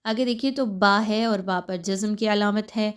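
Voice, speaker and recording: A woman teaching tajweed, explaining pronunciation patiently and step by step. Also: medium pitch. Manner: patient, explains pronunciation step by step, then recites slowly and drawn out. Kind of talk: tajweed lesson with slow recitation examples.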